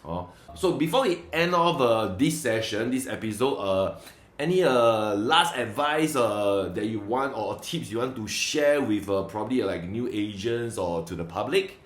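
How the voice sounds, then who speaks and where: A man's voice: lowish voice, expressive, normal speed. A man with a Singaporean accent hosting a casual interview as a property agent, recorded with a roomy echo. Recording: roomy, echoing sound.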